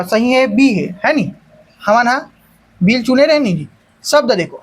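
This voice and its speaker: A woman's voice: fairly high pitch, poor audio. A woman teacher with a Chhattisgarhi accent giving an online exam-prep class, who keeps coaxing students to call out their answers.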